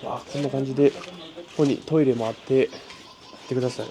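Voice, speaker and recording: Speaking very fast in a mellow, mid-range voice with fairly level intonation, a man from Japan narrates his handheld travel vlog. He's outdoors at a migrant shelter by the railway tracks, chatting brightly with folks in simple Spanish and English.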